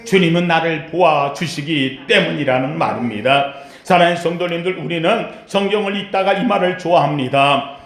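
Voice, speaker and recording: A male pastor preaching a sermon with passion, sometimes shouting to stress his point. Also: a little high, moderate pace, reverberant. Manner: impassioned preaching, shouting out the pleas of the blind beggar.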